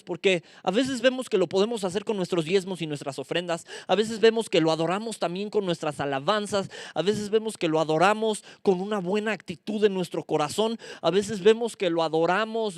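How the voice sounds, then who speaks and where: A woman gives a conversational Bible study, slowly spelling out Greek words and sometimes groping for a word. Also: mid-range voice, darkish tone, no echo, studio quality. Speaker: Bible teacher.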